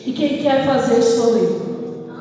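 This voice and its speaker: A woman's voice: high-pitched, slow pace, warm tone, soft background music. A woman pastor from Brazil preaching a sermon in a sing-song chant that builds to fervent calls. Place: large church hall. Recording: echoey church hall from far off, dull.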